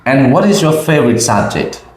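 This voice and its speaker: A young woman teacher from Cambodia speaks English with a Khmer accent, her voice very low yet lively and rising and falling as she talks. She patiently repeats each answer back and praises often. The sound bounces around an echoey room. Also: moderate pace, slight background noise. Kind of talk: classroom question-and-answer with a child.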